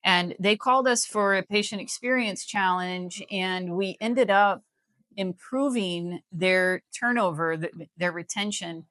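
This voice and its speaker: Appearing as a guest in a live interview, a healthcare company CEO from Missouri in the United States makes her points in an emphatic, persuasive way. She talks at a measured pace in a mid-range, slightly bright voice, with no room sound.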